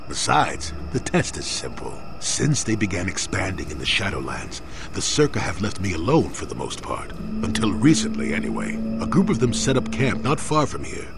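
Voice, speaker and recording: An actor playing a gruff, wry old hermit in a video game, speaking in a sardonic, evasive and theatrical way. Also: male voice, low-pitched, sing-song, moderate pace, noisy background, heavily acted. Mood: bargaining, wry. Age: older. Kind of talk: video game dialogue acting.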